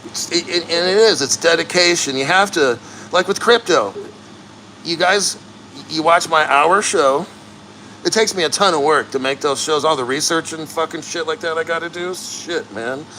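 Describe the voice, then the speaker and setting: A man chatting casually and bluntly to livestream viewers, earnest and straining through the cold as he sits neck-deep in an ice plunge. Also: normal speed, bright, forceful tone, slight background noise, rough recording. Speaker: livestream host.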